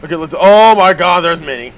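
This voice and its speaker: Fairly high-pitched, animated and quick, a young man provides let's play commentary on a horror game as a gaming YouTuber. Foul-mouthed and easily startled, he yelps and shouts at scares over the game music.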